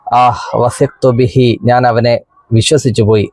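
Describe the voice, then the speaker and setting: A man's voice: mid-range voice, flat delivery, unhurried, darkish tone, no echo, lightly acted. A man with a Kerala accent reading the lines of a lonely teenage girl in his own plain voice.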